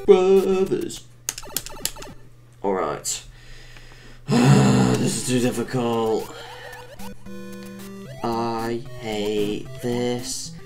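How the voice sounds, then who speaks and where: A woman's voice: rumbling low, a little mellow. A woman giving casual, rambling gameplay commentary, easily frustrated and crying out at every setback. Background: game music.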